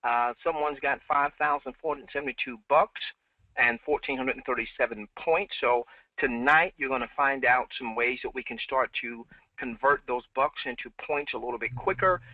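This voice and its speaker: This webinar host is a man talking at a normal speed with a medium pitch, and no room sound comes through. Wearing a headset, he runs a live team session in an upbeat way, filling it with repetition and filler words. The audio is dry and tinny, much like a phone line.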